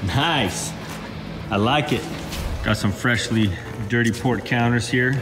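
A man's voice: medium pitch, slow pace, over music. A man hosting a casual vlog, walking through a warehouse and chatting with coworkers in an upbeat, chatty way. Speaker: vlog host giving a warehouse tour. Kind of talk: casual walk-and-talk vlog. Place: large indoor warehouse. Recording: echoey warehouse room sound.

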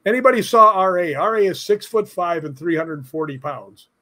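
A man's voice: high voice, lively intonation, normal speed, bright, forceful tone. An older man, a guest on a video call, telling joking stories with chuckles. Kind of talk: casual video-call interview.

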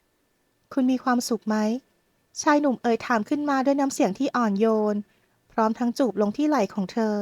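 A woman narrating a romance novel audiobook in a calm, even storytelling manner. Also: fairly high pitch, fast, no room sound.

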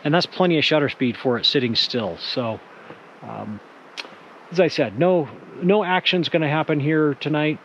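Easygoing male nature vlogger, slightly high voice, chatty and self-mocking, faint outdoor ambience. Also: moderate pace, muffled recording, a little hiss or hum. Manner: relaxed, chatty, self-deprecating. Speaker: wildlife photographer. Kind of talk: casual vlog chat. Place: outdoors in a rocky scree field at dusk.

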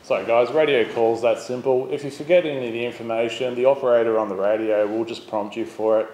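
With a medium-pitched, steady, slightly dark voice that runs a little fast, an Australian man in his thirties presents a coast guard training video as a volunteer instructor. He keeps it informal and plain, going step by step, while the boat, open garage and radio room settings give the audio a roomy echo and clear ambient noise.

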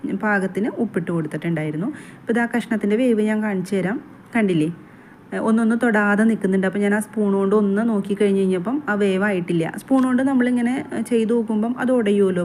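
A woman's voice: medium pitch, warm tone, a little hiss or hum. A middle-aged woman from Kerala hosting a home cooking demonstration, chatty and homely, often adding small asides to the viewer. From Kerala, India. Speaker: cooking channel host.

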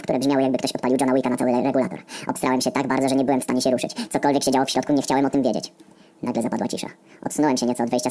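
Reading a comedic story quickly and briskly, this male narrator has a mid-range voice that's dark and mellow. He keeps his delivery deadpan and wry, with plenty of coarse swearing.

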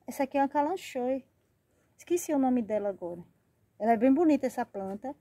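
A woman's voice: sits high, lively intonation, fast, mellow, dry recording. Chatty woman showing her succulents. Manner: chatty, affectionate, naming each plant as she shows it. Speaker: plant channel host. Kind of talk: casual gardening vlog walkthrough.

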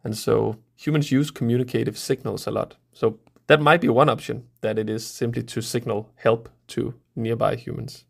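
A middle-aged man from Denmark explains science to children in a thoughtful, halting way. His voice has a gravelly edge at a medium pitch, and he often stops to restart a sentence. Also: steady tone. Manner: thoughtful, frequent fillers and restarts. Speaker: researcher guest. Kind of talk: explaining to kids.

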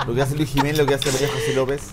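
A man's voice: medium pitch, flat delivery, racing. A man giving his commentary as a panelist on a TV talk show. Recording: faint music bed under the voice.

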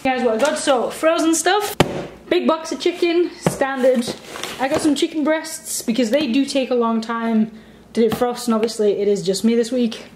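A young adult woman vlogger chats informally to the camera in her home kitchen, dropping dry asides. Her voice sits high and moves at normal speed, in an echoey room with some background noise.

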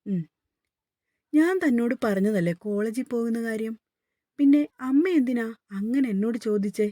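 A woman's voice: on the high side, moderate pace, no echo, studio quality, close to an everyday voice. A woman voicing a teasing young husband, playful and firm, in a story read aloud. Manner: teasing, gently mocking.

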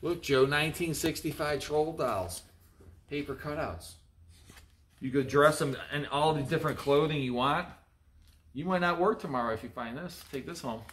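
This thirties-aged auctioneer has a fairly high, fairly bright voice and talks at a normal speed, with slight background noise behind him. He chats casually while going through old items, reading out labels and teasing the crew. The setting is a block-walled indoor storage space, and the talk is laid-back unboxing commentary.

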